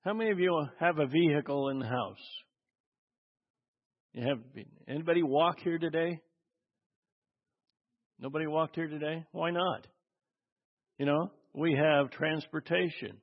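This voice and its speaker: A male pastor preaching a conversational sermon, asking the congregation questions and often pausing with fillers. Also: on the high side. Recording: dull audio with long hall reverb.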